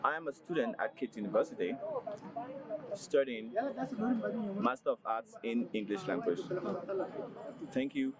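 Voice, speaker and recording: A graduate student from Liberia gives a friendly video greeting in measured, drawn-out phrases. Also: male voice, medium pitch, expressive, heavy background noise. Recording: crowd chatter behind.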